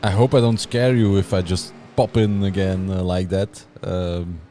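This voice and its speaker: Deep-voiced man, hesitant commentary. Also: little pitch movement, unhurried, a little hiss or hum. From Belgium. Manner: hesitant, many uhs, laughs softly. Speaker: sim racing commentator. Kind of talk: live race commentary and banter.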